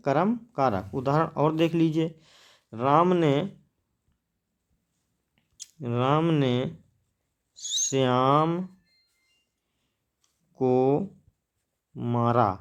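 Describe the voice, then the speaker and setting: A man's voice: on the high side, muffled recording. A man teaching a grammar lesson, writing examples on a board, repeating words as he writes and answering his own questions.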